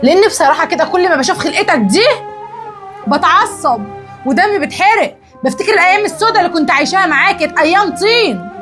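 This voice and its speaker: A woman's voice: very high voice, expressive, quick pace, fairly bright tone, faint music behind. A woman playing a bitter young daughter-in-law in a comedy sketch, with an Egyptian accent, by turns spiteful and pleading. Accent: Egyptian Arabic. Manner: spiteful when taunting, whiny when pleading.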